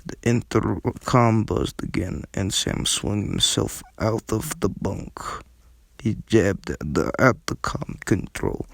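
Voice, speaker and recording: A man with a Russian accent reading a novel aloud in a gravelly, husky voice, haltingly, with stumbles and repeated words. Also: on the low side, animated, dry recording. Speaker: reader. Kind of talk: amateur audiobook narration of science fiction novel.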